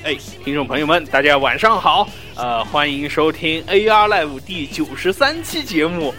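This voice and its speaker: A man's voice: a little high, lively intonation, moderate pace, music in the background. A man co-hosting a casual group podcast, opening the episode with joking, teasing banter. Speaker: podcast co-host.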